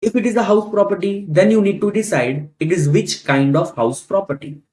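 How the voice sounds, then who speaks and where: Here a tax teacher, a man with an Indian accent, lectures a classroom at a fairly quick pace. His voice is high-pitched yet darkish in tone, and he teaches didactically, restating key ideas and asking rhetorical questions.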